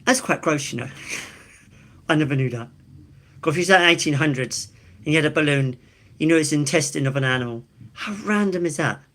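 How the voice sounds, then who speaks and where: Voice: mid-range voice, brisk, pauses often, fairly bright tone. A live stream host with an Essex accent, casually reading things out and adding chatty, informal asides. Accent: Essex, England. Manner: chatty, informal, reacts to each fact with amused asides.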